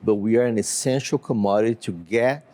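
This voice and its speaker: A man from Brazil, CEO of a company, lays out his business in an interview with measured delivery and many fillers. He speaks with a Brazilian accent in a lowish, dark voice.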